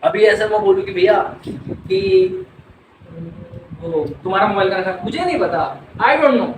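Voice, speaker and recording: Indian male teacher, high voice, animated and full of questions, echoey classroom. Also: unhurried, distant mic, background noise. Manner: animated, drills words and asks students questions. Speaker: English teacher. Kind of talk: classroom teaching, mixing Hindi and English.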